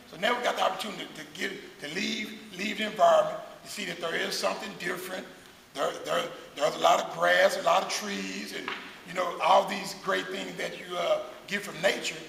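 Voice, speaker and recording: Guy giving a talk, kinda gravelly, lots of uh's, big echoey hall with hiss. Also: high-pitched, bright, forceful tone. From West Dallas, Texas. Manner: earnest, halting with many uh's and repeats. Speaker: guest speaker. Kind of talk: speaking to an audience.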